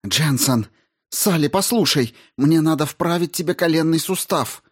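A man's voice: medium pitch, expressive, moderate pace, a little mellow, pitched above the performer's own voice, natural voice. A man voicing a woman astrobiologist who gives firm, urgent medical instructions in a story reading.

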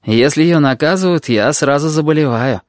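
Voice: mid-range voice, moderate pace, no echo, studio quality, voice pushed up, lightly acted. A reader voicing a frail, sickly boy who talks in a playful, teasing way. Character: frail sickly boy, admired pet of the nurses.

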